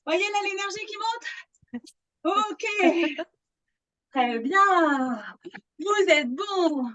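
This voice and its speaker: High, unhurried woman leading laughter yoga. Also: expressive, bright, forceful tone, low-quality recording. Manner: playful and coaxing, laughs often. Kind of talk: leading a group exercise.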